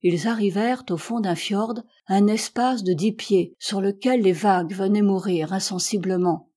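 A woman narrating a classic adventure novel as an audiobook in a measured, steady reading voice. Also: mid-range voice. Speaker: audiobook reader.

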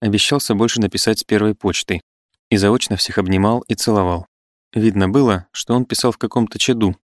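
Low-voiced man narrating a classic novel. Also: no room sound, clean studio sound. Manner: measured, even narration. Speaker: audiobook narrator. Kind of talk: literary audiobook reading.

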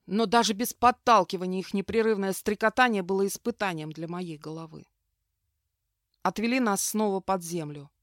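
A woman's voice: medium pitch, no echo, clean studio sound. A woman reading a first-person fantasy audiobook with heated, vivid delivery. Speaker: audiobook narrator.

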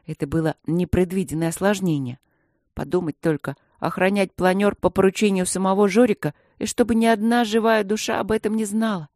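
A woman reading a children's story aloud with an expressive, playful delivery. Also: medium pitch, fairly quick, no echo, clean studio sound. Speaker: audiobook narrator. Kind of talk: lively children's story narration.

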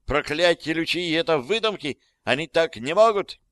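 A man's voice: on the high side, lively intonation, normal speed, a bit bright, dry recording, clean studio sound, voice pushed up. A man voicing a scared, spiteful teenage girl who shrieks. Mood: shrill panic.

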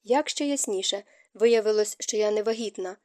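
A woman's voice: medium pitch, moderate pace, a little mellow, natural voice. Woman reading a fragile, tearful young noblewoman. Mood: sad. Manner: weak, pleading, tearful.

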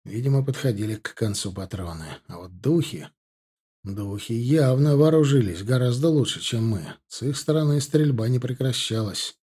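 A man reads a first-person novel as an audiobook narrator, steady and measured, in a medium-pitched, slightly rough voice.

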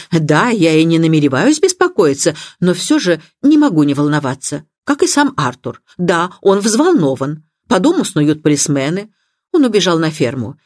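A woman reading the part of a fussy, excitable middle-aged hostess, chatty and emphatic, with a lively voice. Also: on the low side, no room sound, studio quality.

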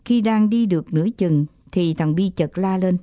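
A woman narrating a childhood story in a gentle, steady reading voice. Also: fairly low pitch, normal speed, no room sound.

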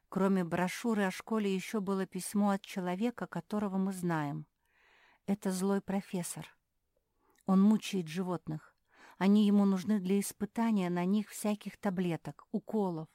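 A woman narrating a children's audiobook with calm, even storytelling. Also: on the low side, dry recording, studio quality.

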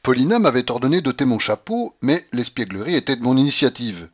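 A man reading a classic novel aloud as an audiobook, with a dramatic, expressive delivery that acts out the scenes. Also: brisk, lo-fi sound. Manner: dramatic, shifts pitch to act out scenes. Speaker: audiobook reader. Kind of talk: expressive literary narration.

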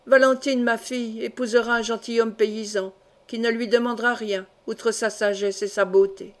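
A woman's voice: on the high side, fairly even intonation, normal speed, lightly acted. A woman reading the part of a proud, grieving old count in a solemn, grave tone.

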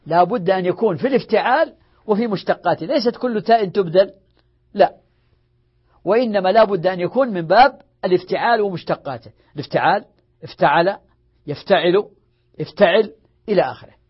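This man's voice sits high and sounds a bit rough, moving fairly quickly but broken by long pauses. He is a sheikh in a classroom teaching Arabic morphology, restating each grammar rule, drilling word forms and answering his own questions. The recording has a dull, lo-fi quality.

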